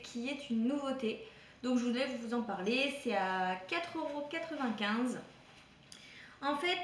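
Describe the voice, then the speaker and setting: A woman's voice: sits high, roomy sound, slight background noise. A woman vlogger casually reviewing products from a shopping haul, chatty and hesitant, with frequent fillers and restarts. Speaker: beauty vlogger.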